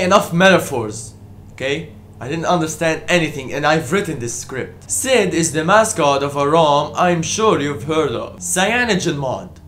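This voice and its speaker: A man's voice: fairly high pitch, a bit bright. A man giving a scripted tech explainer vlog from a home balcony, with dry sarcastic humor and punchy emphasis. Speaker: tech vlogger.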